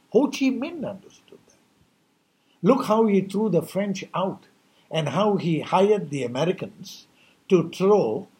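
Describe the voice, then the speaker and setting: Emphatic preachy man with a higher voice. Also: creaky, a little mellow. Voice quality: emphatic, preachy, rhetorical questions. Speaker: speaker giving a New Year message. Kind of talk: impassioned rhetorical monologue.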